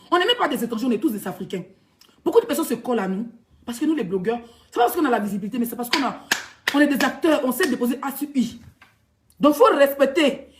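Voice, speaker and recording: An Ivorian woman blogger rants through a heated, mocking social media vlog monologue in an Ivorian French accent. Her voice sits fairly high, and there's a little hiss or hum.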